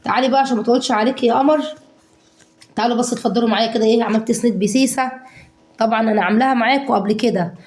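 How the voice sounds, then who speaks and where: A woman with an Egyptian accent, hoarse from a cold, chatting fondly to her viewers about a budget week of home cooking. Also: fairly high pitch, very fast, reverberant. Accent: Egyptian Arabic. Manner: warm endearments to viewers, acts out their questions.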